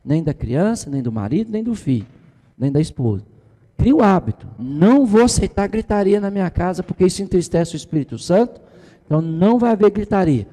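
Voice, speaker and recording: A man's voice: sits high, lively intonation, brisk, mellow. Middle-aged man teaching with long reverb. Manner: conversational, tag questions, mimics the people he quotes. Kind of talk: informal church teaching.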